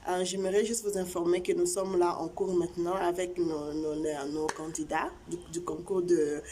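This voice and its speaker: Speaking to her viewers in a relaxed chat, this channel host has a lowish, mellow voice with a level tone, and the recording carries a slight hiss or hum. Originally from Congo (DRC) and a native Tshiluba speaker, she stumbles along haltingly with lots of fillers and repetitions.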